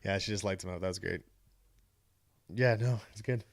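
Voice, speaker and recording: A man's voice: sits low, normal speed, creaky, no room sound, clean studio sound. A man co-hosting a podcast, chatting casually and enthusiastically about a movie, swearing freely and repeating himself. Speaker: podcast co-host. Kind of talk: casual movie review chat.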